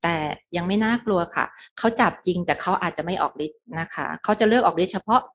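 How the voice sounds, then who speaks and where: A woman's voice: fairly low pitch, fast talker. A middle-aged woman giving a medical lecture, explaining step by step with English terms and frequent polite particles.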